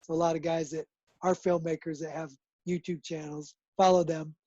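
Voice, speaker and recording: A man's voice: on the high side, little pitch movement, moderate pace, dark tone, dry recording, muffled recording. A man chatting casually as a guest, easygoing and rambling as he tells his stories. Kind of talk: casual video-call chat.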